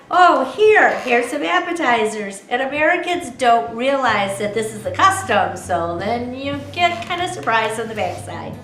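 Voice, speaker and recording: In an echoey room, a woman with a high, fairly bright voice co-hosts a casual advice show. She explains travel preparation step by step and quizzes her co-host along the way.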